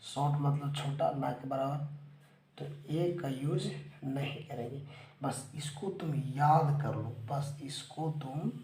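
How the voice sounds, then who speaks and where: A man teaching English spelling, slowly drilling words aloud, recorded on a phone without showing himself. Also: medium pitch, mellow, a little hiss or hum. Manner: slow, repetitive, drilling words aloud to students. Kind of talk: spoken spelling lesson. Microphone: handheld phone recording, teacher not on camera. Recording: echoey room with faint ambience.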